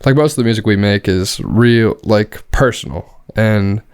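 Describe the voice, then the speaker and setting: Male podcast co-host, low register, clean resonant tone, informal and blunt, very dry sound. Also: unhurried, a little mellow, clean tone, no echo. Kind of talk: casual chat.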